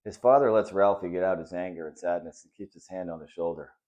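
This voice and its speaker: A man calmly and gently reading aloud his own children's story. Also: low-pitched, fast, muffled recording. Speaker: author reading his book.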